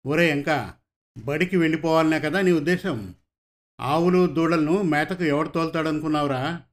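A domineering rich landlord barks orders and scolds his poor farmhand, as a male storyteller puts him on. The voice sits a little high and stays bossy and contemptuous throughout. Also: moderate pace, close to an everyday voice.

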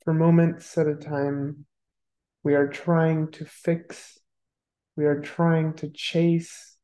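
A meditation guide leading a guided meditation, giving calm, unhurried instructions with long pauses. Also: mid-range voice.

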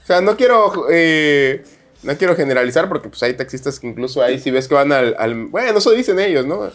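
A man with a Mexican accent, a guest on a casual podcast, who talks haltingly and restarts his sentences often. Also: fairly high pitch, animated, a bit bright. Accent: Mexican Spanish. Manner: hesitant, full of fillers and restarts. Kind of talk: casual chat.

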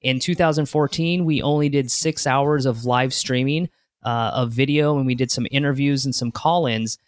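A man's voice: mid-range voice, moderate pace, dry recording. A man answering interview questions about his podcast in an earnest, upbeat way, often restarting his sentences. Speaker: podcast co-host, interview guest.

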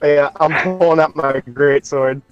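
A man playing a tabletop game, excitable and swearing freely. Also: on the high side, moderate pace, soft background music. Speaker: player. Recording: dull lo-fi audio.

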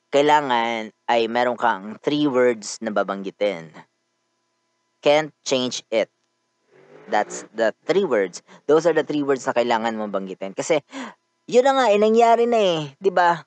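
A man with a Filipino accent giving a casual motivational talk, animated and often asking the listener to agree. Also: on the high side, no room sound.

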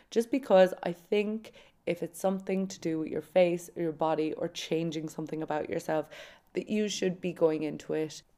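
This podcast host, a woman of about thirty or in her late twenties, delivers a casual solo monologue full of personal anecdotes. She speaks in a lowish, warm voice, poking fun at herself and leaning into dramatic emphasis.

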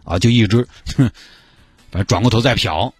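A man with a Sichuanese accent telling a comic story in an animated way, full of exclamations. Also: fairly low pitch, normal speed, husky, dry recording, faint music behind.

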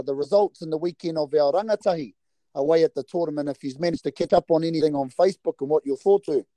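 A man's voice: fairly high pitch, dark tone, no room sound, low-quality recording. A man with a New Zealand accent hosting a casual sports chat in laid-back, slangy, blokey talk. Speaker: host.

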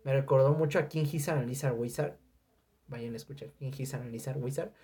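A young adult speaker with a Mexican accent reviewing an album on a casual podcast, animated and profane, breaking into shouted sound imitations. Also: medium pitch, brisk. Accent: Mexican Spanish. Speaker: music reviewer.

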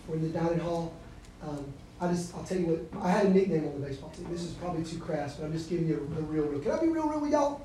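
High-voiced preacher in an echoey hall. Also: male voice, slight background noise. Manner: storytelling, swinging from hushed to shouting. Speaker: campus preacher. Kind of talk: sermon. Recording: echoey hall, speaker far from mic.

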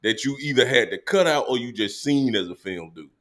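A man interviewing casually, agreeable and quick to offer short repeated affirmations. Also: medium pitch, lively intonation, a bit bright.

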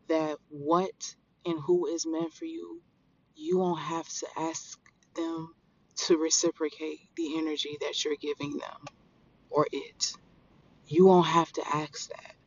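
Slow, gravelly motivational podcast host. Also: medium pitch, dull audio. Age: 30s. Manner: earnest, emphatic, addressing listeners directly. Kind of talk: motivational spiritual podcast talk.

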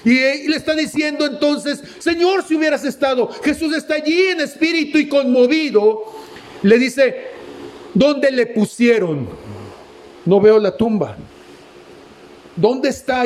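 A high-pitched man delivers a sermon. He speaks emphatically, swings between soaring exclamations and low drops, and keeps asking the listener direct questions. A faint background noise runs under the recording. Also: darkish tone. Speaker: preacher.

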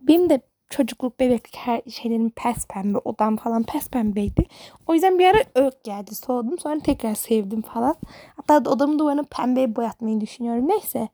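High-voiced teenage girl ranting, dry close sound. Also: a little fast, mellow, no room sound. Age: teens. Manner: ranting, exasperated, rambling. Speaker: high school student. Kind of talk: casual monologue to camera.

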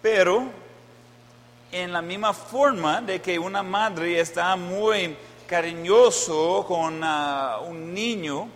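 A man's voice: high-pitched, slow pace. A middle-aged male pastor giving a Mother's Day sermon, telling stories with a joking, self-mocking humor. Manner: storytelling with humor, playful self-mockery. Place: church. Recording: long church hall reverb.

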